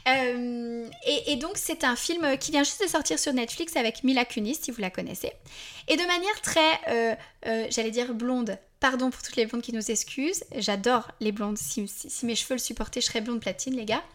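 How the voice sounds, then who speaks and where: A woman in her forties with a slightly high voice hosts a casual podcast monologue. She talks to her listeners in a candid, chatty way. She often breaks off for asides and self-deprecating apologies. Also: moderate pace, fairly bright tone. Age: 40s. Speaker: podcast host.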